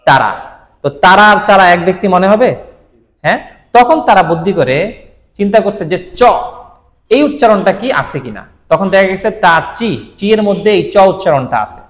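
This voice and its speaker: A man teaching vocabulary in a classroom-style drill, repeating each word slowly and quizzing his listeners. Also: high voice. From Bangladesh. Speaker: Japanese language teacher. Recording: long reverb, echoey room.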